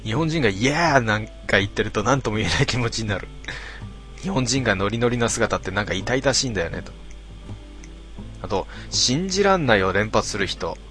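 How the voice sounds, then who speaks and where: Wry deadpan man reading comments. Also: fairly low pitch, brisk, soft background music. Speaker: host reading out listener posts.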